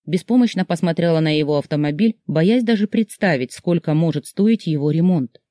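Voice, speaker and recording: Mellow, expressive woman audiobook narrator. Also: sits low, a little fast, no echo, studio quality. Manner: expressive, emotional storytelling. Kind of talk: first-person audiobook narration.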